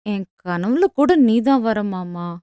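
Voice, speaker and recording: A woman voicing a shy, lovestruck young village woman in a storybook romance, speaking softly with a sweet, whining tone. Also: on the high side, expressive, normal speed, no room sound, studio quality, natural voice.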